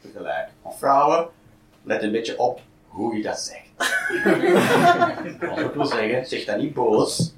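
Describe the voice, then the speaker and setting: A man's voice: mid-range voice, wildly swooping pitch, slow, slight background noise. A man doing a blunt, profane stand-up comedy routine, in an echoey, distant live recording.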